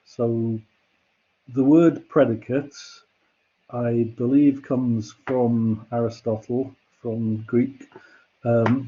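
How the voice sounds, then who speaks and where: A man's voice: mid-range voice, mellow, breathy edge, highs cut off. A man giving a university lecture, explaining ideas patiently and step by step with examples. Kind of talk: classroom lecture.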